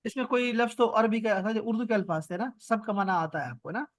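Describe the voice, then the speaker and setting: High-voiced teacher on a video call. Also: male voice, no echo. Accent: Pakistani Urdu. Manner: patient, repeats words slowly for students, asks "theek hai?". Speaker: Arabic and Quran grammar teacher. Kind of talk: online class teaching.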